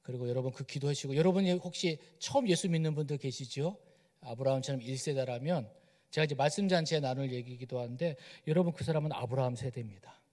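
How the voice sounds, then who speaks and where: A man's voice: mid-range voice, quick pace, a little mellow. A middle-aged man from Seoul gives a humorous, conversational guest sermon and keeps asking the congregation questions. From Seoul, South Korea. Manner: chatty, joking, asks the congregation questions. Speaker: guest preacher. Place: church sanctuary. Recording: long hall reverb in a church.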